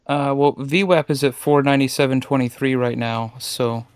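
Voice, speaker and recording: A man on a trading stream giving casual, measured, explanatory market commentary. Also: medium pitch, fairly even intonation, smooth, no echo, studio quality. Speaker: trader co-commentator on a livestream.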